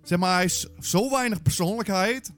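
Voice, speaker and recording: High-voiced man ranting teasingly. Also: moderate pace, a bit bright, soft background music. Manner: teasing, ranting, swears often. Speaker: podcast co-host. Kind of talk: casual chat.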